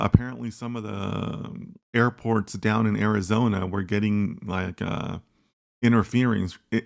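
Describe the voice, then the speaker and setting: An American man with a lowish, creaky voice hosts a casual live data science chat, reading viewer comments. He thinks aloud, rambling conversationally and tagging his points with "right?".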